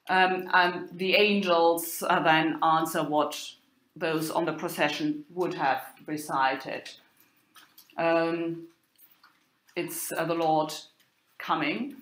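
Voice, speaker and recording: The recording, roomy and full of echo, captures a woman lecturer in medieval German literature giving an informal academic talk with quoted passages. Her German-accented voice is on the low side and a bit bright, and she speaks slowly and hesitantly with many pauses.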